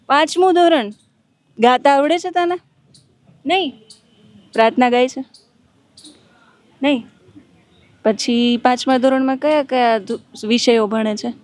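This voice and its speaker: High-voiced woman reporter, playful questions. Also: a little slow, long pauses. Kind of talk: on-location interview with schoolchildren. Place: outside at a girls' school.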